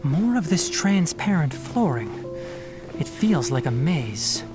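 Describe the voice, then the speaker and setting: A man's voice: a little high, very animated, loud music behind the voice. An actor playing a composed, analytical young male forest scholar in a video game, speaking articulately. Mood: composed, explanatory. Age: young adult. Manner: articulate, measured explaining. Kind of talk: video game character acting.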